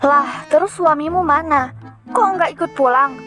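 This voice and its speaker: A prying village gossip who talks in a high, needling voice over faint music. She asks pointed questions and mocks as she goes. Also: normal speed, sharp tone. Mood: mocking. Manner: mocking, prying. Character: nosy gossiping village woman, middle-aged.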